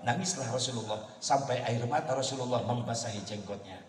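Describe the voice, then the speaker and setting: A male preacher giving a humorous sermon at an evening religious gathering, moving between loud punchlines and hushed storytelling. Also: medium pitch, brisk, a little hiss or hum. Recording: echoey hall, voice far off, faint ambience.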